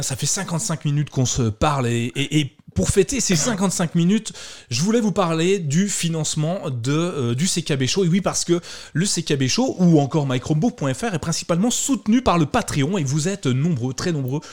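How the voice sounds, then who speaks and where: A man's voice: fairly high pitch, expressive, moderate pace. Hesitant French man hosting a podcast. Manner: hesitant, many fillers and restarts. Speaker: podcast host. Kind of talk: casual tech podcast chat.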